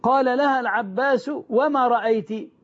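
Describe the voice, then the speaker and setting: A man's voice: very high-pitched, moderate pace. A man retelling early Islamic history, emphatic and repeating phrases for effect. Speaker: religious storyteller. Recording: dull lo-fi recording.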